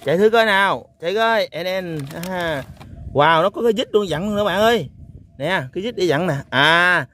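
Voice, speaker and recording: A man's voice: on the high side, noisy background. A man hosts an outdoor toy-hunting vlog, exclaiming "wow" and chuckling as he talks to viewers. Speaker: toy vlogger. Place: outdoors on a sandy lot.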